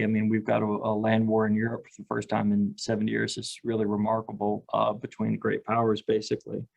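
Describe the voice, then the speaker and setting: Man, webinar host, gravelly voice, casual, filler-heavy, video call. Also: medium pitch, poor audio. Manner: casual, many fillers like "you know" and "kind of". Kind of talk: webinar interview.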